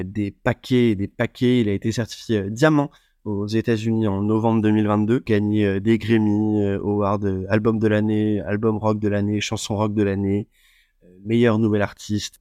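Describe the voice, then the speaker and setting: A man hosts his own podcast alone and speaks without a script. His voice sits fairly low, and he often stops to restart a phrase or fill a pause. The recording is close and dry, with no room sound. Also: darkish tone, dry recording. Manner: hesitant, many fillers and restarts. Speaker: podcast host. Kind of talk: unscripted solo podcast talk.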